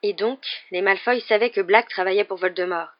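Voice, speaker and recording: A woman's voice: mid-range voice, a little fast, natural voice. A brooding, stubborn teenage boy, voiced by a woman speaks in a curt, determined voice. He sounds bitter and set on his course. The recording is dull and lo-fi. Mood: intense.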